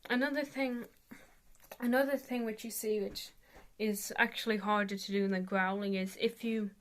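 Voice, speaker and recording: Girl doing a casual how-to vid, bright voice, kinda rambly n unsure, says like constantly, a woman not a pro. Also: medium pitch, steady tone, normal speed. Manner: hesitant, self-deprecating, heavy use of "like". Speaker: amateur metal vocalist giving a tutorial. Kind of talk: casual rambling video tutorial.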